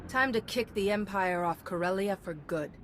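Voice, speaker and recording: A woman's voice: medium pitch, moderate pace, noisy background, natural voice. A woman playing a poised, kind and commanding heroine in a sci-fi game, composed and decisive.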